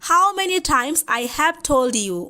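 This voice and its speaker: A woman teaching spoken English, reading short phrases in Bangla and saying each English phrase twice, slowly and deliberately. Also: sits high, animated, pushed and bright. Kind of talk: slow English phrase drill with Bangla translations.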